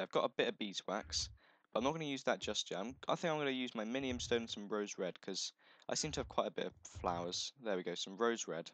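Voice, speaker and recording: A let's play host chats casually through a gameplay video in a croaky, just-woken voice, thinking aloud and correcting himself along the way. His voice is on the low side and a bit bright, with no echo.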